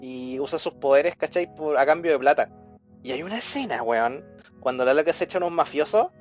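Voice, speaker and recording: A man with a Chilean accent co-hosting a podcast, telling stories in lively, slang-heavy casual chat. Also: a little high, fairly quick, faint music behind. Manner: animated storytelling full of slang, acting out scenes. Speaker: podcast co-host.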